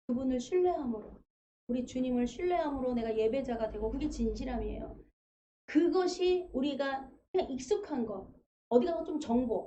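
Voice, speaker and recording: A woman pastor delivers a sermon in a high, mellow voice and tells stories casually, bringing in quoted voices along the way. The audio is dull, like a livestream, with a faint hiss behind it. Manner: conversational, animated storytelling with acted quotes. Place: church sanctuary.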